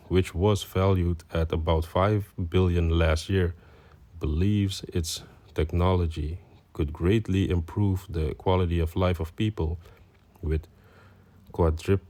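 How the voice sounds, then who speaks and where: A native Dutch speaker from the Netherlands with a Dutch accent reads aloud and gives an earnest, preaching religious commentary peppered with "you know" and "you see." His voice is deep and mellow, slow with long pauses and fairly even intonation.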